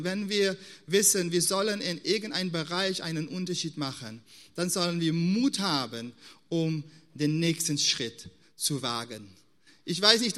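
A man preaching a sermon in an earnest, unhurried way. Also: high voice, sharp tone. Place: church hall. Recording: long hall reverb.

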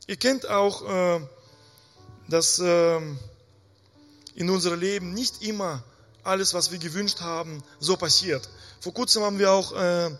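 A man preaching a sermon in a church hall, earnest and halting, often pausing and restarting. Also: high voice, fairly bright tone. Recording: reverberant hall with faint music.

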